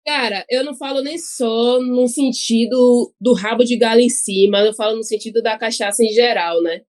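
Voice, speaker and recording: A cachaça ambassador from Bahia, Brazil, chats casually as a podcast guest in a Bahian Portuguese accent, laughing often and tagging sentences with questions. Her voice is on the high side, a little mellow, at a normal speed.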